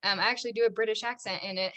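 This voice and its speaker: This is a young actress from the United States on a podcast, chatting casually in an interview. She talks rapid-fire with a sharp, steady tone at medium pitch, constantly saying "like" and laughing a lot.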